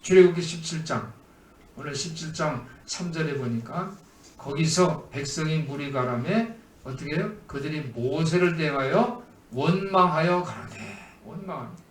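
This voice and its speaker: A man's voice: fairly high pitch, lively intonation, normal speed, reverberant, recorded from a distance, slight background noise. A man preaching a sermon as pastor, asking the congregation questions as he teaches. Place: church sanctuary.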